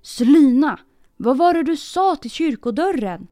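A woman's voice: fairly high pitch, lively intonation, no room sound, studio quality, faint music behind. A woman voicing a proud, harsh false bride in a storybook reading, speaking sharply. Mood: scolding. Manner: sharp, scolding.

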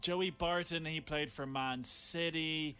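A man co-hosting a radio show, quick with banter and jokes. His voice is bright and forward, with faint music under the chat. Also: fairly high pitch, steady tone, smooth.

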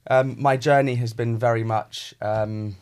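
A man's voice: medium pitch, fairly even intonation, measured pace, a little mellow, clean tone. A man with a British accent talking casually as a co-host on a podcast. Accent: British English.

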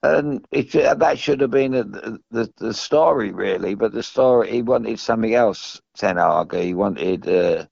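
An older British man in casual football discussion, halting and often restarting his phrases as a pundit. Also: on the low side, creaky, darkish tone, dry recording. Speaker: former professional footballer, pundit. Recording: dull, dry close recording.

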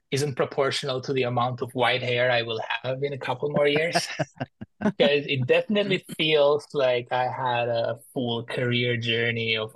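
Podcast guest, male, Albanian accent, narrow even intonation, close dry sound, conversational and good-humoured. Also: medium pitch, no echo. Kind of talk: casual interview talk.

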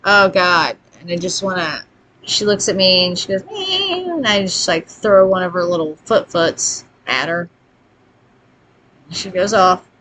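Bright-voiced woman, laughing and swearing. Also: fairly low pitch, normal speed. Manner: laughs often, swears freely, animated storytelling. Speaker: podcast co-host. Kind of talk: casual chat.

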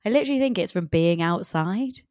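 A woman in her thirties with a hoarse voice, self-mocking and laughing as a podcast co-host over an online call. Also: on the low side, lively intonation, brisk, darkish tone, no room sound, studio quality. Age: 30s. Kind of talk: casual chat. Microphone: remote call mic.

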